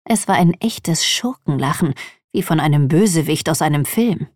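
A woman narrating a children's audiobook in an expressive reading voice. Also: low-pitched, moderate pace, dry recording, studio quality.

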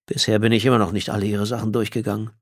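A man's voice: fairly low pitch, flat delivery, no echo. A man voicing a wry, self-deprecating young man in an audiobook, close to his own voice. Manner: wry, quick.

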